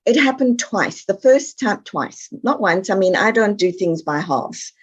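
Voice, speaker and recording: A woman's voice: medium pitch, lively intonation, a little slow, slightly rough, lo-fi sound. A woman from South Africa with a South African accent, speaking as an expert guest on a podcast in an emphatic, upbeat, direct way. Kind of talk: podcast interview.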